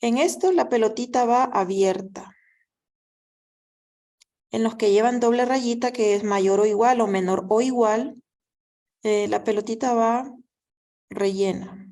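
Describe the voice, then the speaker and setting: A woman's voice: on the high side, measured pace, pauses often, warm tone. A woman teaching a math class in a patient, step-by-step way, often checking in with the students. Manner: patient, explanatory, often asks "¿verdad?". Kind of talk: recorded class lecture.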